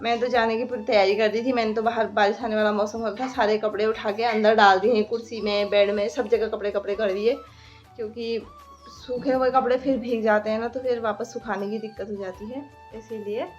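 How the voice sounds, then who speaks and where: A woman's voice: on the high side, fairly even intonation, fairly quick, lo-fi sound, soft background music. A young woman with a light lilt, chatting casually through a daily vlog at home and talking to her toddler now and then. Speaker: vlogger and mother. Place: indoors in a rented room.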